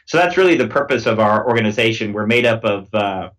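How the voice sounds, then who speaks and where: A man being interviewed as a guest, explaining things in a measured way with many pauses. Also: on the low side, expressive, a bit bright. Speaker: guest, head of a nonprofit security alliance. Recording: distant mic sound.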